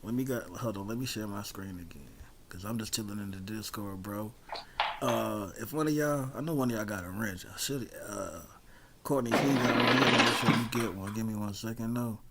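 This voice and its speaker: This livestream host is a man with a fairly low voice who speaks a little fast. His relaxed, conversational talk is full of slang and shout-outs, and the recording is very noisy.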